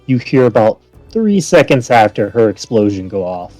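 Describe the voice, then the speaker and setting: A man's voice: lowish voice, very animated, normal speed, dark tone, no echo. A man acting as game master, casually narrating a tabletop role-playing game. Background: background music.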